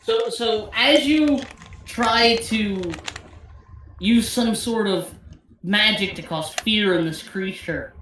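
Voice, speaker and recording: Echoey lady dm narrating a tabletop game, kinda halting, bit of noise behind her. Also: mid-range voice, a bit bright. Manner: halting, searching for words. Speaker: game master.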